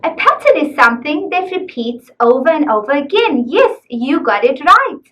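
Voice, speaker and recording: A woman presenting a scripted lesson to young children in an exaggerated, bright kids'-presenter manner, asking simple questions and exclaiming often. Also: high-pitched, big pitch swings, normal speed. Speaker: children's math teacher presenting a video lesson. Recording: distant mic with faint background noise.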